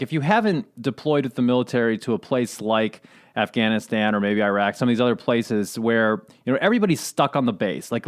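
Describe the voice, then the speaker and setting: A middle-aged man co-hosting a podcast, chatting in a relaxed way and laughing easily. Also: medium pitch. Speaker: podcast co-host. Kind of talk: casual conversational podcast.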